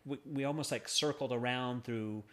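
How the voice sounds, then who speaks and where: A man's voice: medium pitch, moderate pace, a bit bright. Man casually telling rambling stories. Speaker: guest telling stories of paranormal investigations. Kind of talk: casual anecdotal storytelling.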